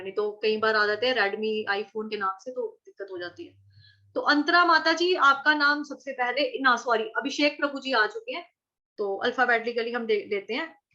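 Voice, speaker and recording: A woman teaching Sanskrit verse pronunciation in an online class, patiently repeating syllables and chanting lines slowly over a video call. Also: fairly high pitch, sharp tone, lo-fi sound. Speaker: Gita recitation teacher.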